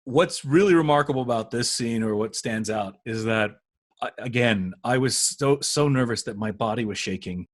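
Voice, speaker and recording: A middle-aged man co-hosting a podcast, telling stories in an animated way and acting out quoted lines. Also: mid-range voice, moderate pace, dry recording. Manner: animated storyteller who acts out quoted dialogue. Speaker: podcast co-host. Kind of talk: casual chat.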